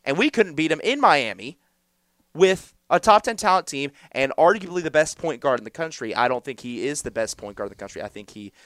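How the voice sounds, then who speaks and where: A young man co-hosting a college sports talk show, rambling and animated in his takes. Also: a little high, fairly quick, no echo, clean studio sound. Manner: rambling, animated, with fillers and restarts. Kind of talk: college sports podcast chat.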